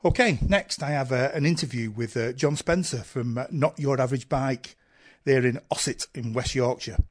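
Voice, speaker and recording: Husky northern English radio host. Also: male voice, medium pitch, moderate pace. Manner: chatty, self-mocking, frequent ums and uhs. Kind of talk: casual radio chat answering listener questions.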